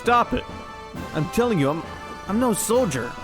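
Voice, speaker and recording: Man acting an earnest, animated young game hero. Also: sits high, normal speed, voice pushed up. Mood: pleading. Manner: pleading, protesting. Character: earnest, reluctant young male mech pilot hero. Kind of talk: reading game dialogue aloud. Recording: loud game music behind.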